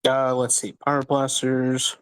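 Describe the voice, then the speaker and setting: A man's voice: medium pitch, completely flat delivery, slow pace, clear, resonant tone, no room sound, studio quality. A man playing in a tabletop game over a voice call, giving blunt, curt replies through a muffled headset mic that sounds underwater. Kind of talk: casual play chat over voice call.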